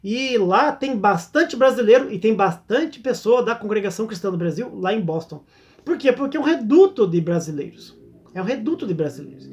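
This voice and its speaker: A middle-aged Brazilian man with a Brazilian Portuguese accent, hosting his own channel in a casual critical monologue, halting and repeating words as he thinks. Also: very high-pitched. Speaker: YouTube channel host.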